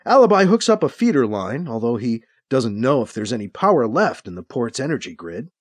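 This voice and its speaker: A man reading scripted audiobook narration of a science-fiction story in a steady, storytelling manner. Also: medium pitch, brisk, no room sound, studio quality.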